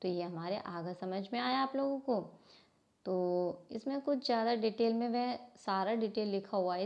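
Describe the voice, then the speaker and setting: In this clip, a woman with a mid-range, slightly mellow voice teaches a class Hindi grammar from a book. She poses questions and answers them herself, frequently pausing to correct herself. The lo-fi recording sounds slightly dull.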